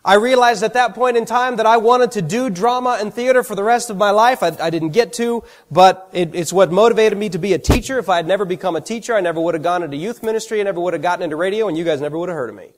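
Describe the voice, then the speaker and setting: A man preaching a sermon, telling personal stories with animated, self-deprecating humor. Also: sits high, quick pace, hardly any pauses.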